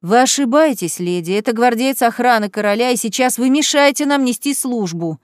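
A woman's voice: a little high, lively intonation, fairly quick, clean tone, dry recording, clean studio sound, lightly acted. A woman reading an audiobook voices a young male guard officer who speaks firmly and officially. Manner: firm, official.

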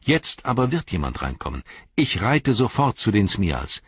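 A man voicing a cheerful, rash young male hobbit who calls out in excitement in a husky, raised voice. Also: fairly low pitch, normal speed, no room sound, heavily acted. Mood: excited. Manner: excited calling out. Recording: dry, slightly dull studio sound.

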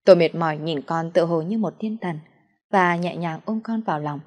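A woman's voice: lowish voice, normal speed. A woman narrating a first-person story and reading the characters' lines herself.

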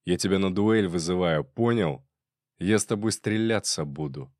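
A man voicing a jealous, drunk police captain who shouts coarsely. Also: low voice, normal speed, no echo, clean studio sound, natural voice. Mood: menacing.

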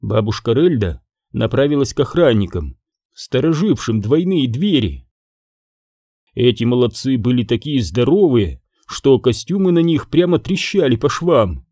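A man reading a fantasy storybook aloud, with an expressive, lively delivery. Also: medium pitch, unhurried, dry recording, clean studio sound. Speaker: audiobook reader. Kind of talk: storybook narration.

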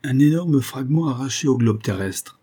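A man voicing a polite calm army captain. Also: mid-range voice, moderate pace, breathy edge, pitched above the performer's own voice. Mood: courteous. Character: adult male army captain, courteous and good-humored.

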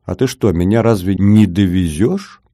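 A man's voice: low-pitched, moderate pace, warm tone, no echo, studio quality. Man voicing a coy young woman.

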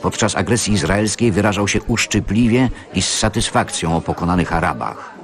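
A man's voice: fairly low pitch, brisk, voice pushed up, natural voice. An actor reading an indignant, aggrieved middle-aged male factory worker in a radio story. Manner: indignant, pleading.

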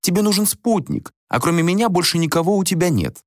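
A shrill, spiteful village woman, put on by a male reader. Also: big pitch swings, fast, no room sound, clean studio sound. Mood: scornful. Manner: shrill, scolding, screeching. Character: quarrelsome scheming woman, loud and spiteful.

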